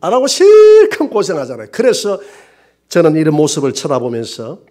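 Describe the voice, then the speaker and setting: A male pastor with a Gyeongsang accent preaching a sermon in a church, animated, with rhetorical questions and exclamations. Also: fairly high pitch, moderate pace. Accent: Gyeongsang Korean. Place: church sanctuary.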